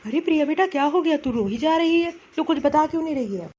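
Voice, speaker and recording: A woman's voice: sits high, lively intonation, fast, a little mellow, highs cut off. A woman voicing a kindly, reassuring father who soothes his crying daughter in a cartoon story. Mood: soothing. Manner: coaxing, reassuring.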